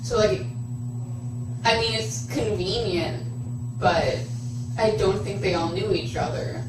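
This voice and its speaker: A woman's voice: medium pitch, takes it slowly, background noise. A young woman co-hosting, casually reading fan fiction aloud with playful, theatrical comic asides. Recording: echoey room, distant mic.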